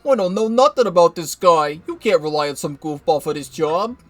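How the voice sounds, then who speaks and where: A blustering mob goon, as a man puts him on, louder and a bit higher than his usual voice, all bluster and eager loyalty. Game music hums faintly behind. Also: animated, brisk, natural voice.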